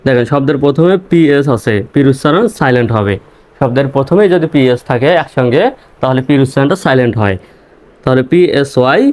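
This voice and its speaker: A man teaching English reading, spelling words out letter by letter and repeating each pronunciation slowly. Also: medium pitch, a little mellow.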